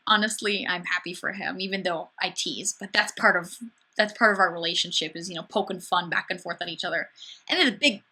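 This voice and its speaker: A young Wisconsin woman hosts a casual livestream through her webcam mic, reading viewer comments aloud and answering them with sarcastic asides. She sounds chatty and upbeat, her fairly low voice pushed and bright.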